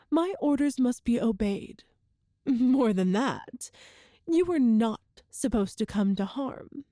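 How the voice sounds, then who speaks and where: In an ASMR roleplay drama, a woman plays a cruel, seductive evil empress, speaking with imperious and deliberate menace. Her voice is on the high side with a dark tone, captured as clean studio sound with no echo.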